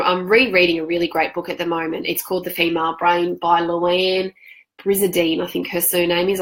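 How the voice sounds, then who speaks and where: A woman, a self-help author and coach, speaking straight to camera in an earnest, measured way and often asking the viewer rhetorical questions. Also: mid-range voice, rough recording. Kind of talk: direct-to-camera motivational talk.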